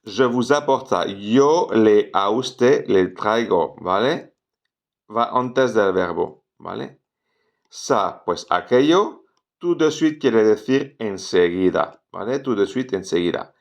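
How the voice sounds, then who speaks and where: Male French-native tutor, unhurried and hesitant, explaining patiently in a fairly low voice. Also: lively intonation, creaky. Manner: slow, explanatory, many hesitations. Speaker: French teacher. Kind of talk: online language lesson.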